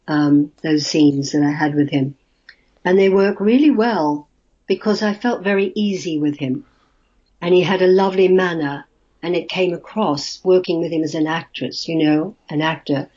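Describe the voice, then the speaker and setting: An older Australian woman, an actress appearing as a guest, tells stories chattily and laughs easily in a casual interview. Her voice is fairly low, darkish and husky, coming through muffled video-call audio.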